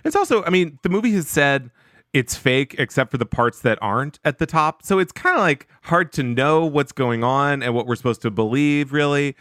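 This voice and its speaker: A man's voice: a little high, expressive, normal speed, fairly bright tone, no echo, studio quality. A man co-hosting a podcast, recapping a film in casual chat with a wry, sarcastic tone. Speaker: podcast co-host. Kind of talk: casual chat reviewing a movie.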